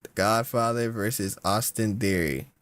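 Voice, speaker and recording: A young man giving casual reaction commentary, slangy and exasperated, with sudden loud outbursts. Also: fairly low pitch, normal speed, no echo. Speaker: content creator.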